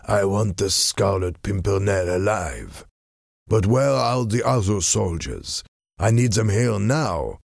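Storybook villain agent, curt and commanding, low gravelly voice, read by a male narrator. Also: expressive, slow pace, no echo, studio quality, heavily acted. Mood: curt, scheming. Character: scheming, ruthless male French agent.

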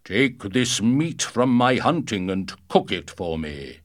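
A man voicing a stern giant lord of the wind, giving loud, slow commands. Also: on the low side, sing-song.

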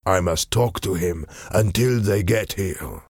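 Man reading as scheming villain, curt orders, gravelly, low. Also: a little slow, a little mellow, dry recording, clean studio sound, heavily acted. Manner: curt, commanding. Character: scheming, ruthless male French agent.

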